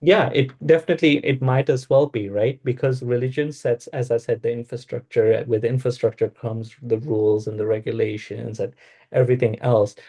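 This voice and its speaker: A man with a warm, dark tone leads a casual spiritual discussion. He pauses and restarts often, working his way through each point with fillers. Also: mid-range voice, steady tone. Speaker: discussion presenter.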